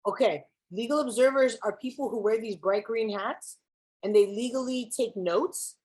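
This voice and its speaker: Captured on a low-quality recording, a young woman speaks to students as their keynote speaker, including a spoken-word poem. Her voice is a little high, a little mellow and slightly rough, and her pace is moderate. She asks the audience questions and alternates between English and Spanish.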